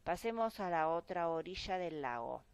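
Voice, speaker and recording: A woman reading the words of Jesus in a calm, even scripture reading. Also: fairly low pitch, normal speed, smooth, no room sound. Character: calm adult male teacher, Jesus.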